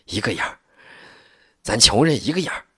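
A man's voice: medium pitch, sing-song, fairly quick, slightly rough, no echo, clean studio sound, pitched above the performer's own voice. A man doing a wary poor peasant. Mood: earnest. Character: poor middle-aged peasant man, wary but warm.

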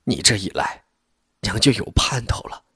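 A man voicing an elderly peasant mother who speaks fondly and gently to her sons, husky-voiced. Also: rumbling low, big pitch swings, moderate pace, no room sound, studio quality, exaggerated voice. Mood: tender.

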